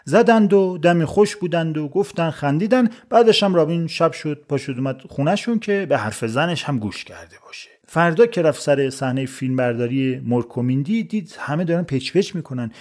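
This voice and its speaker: A man's voice: fairly high pitch, expressive, hardly any pauses, darkish tone. A man hosting a podcast, telling a life story in scripted, sarcastic narration with mock-pious asides. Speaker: podcast host.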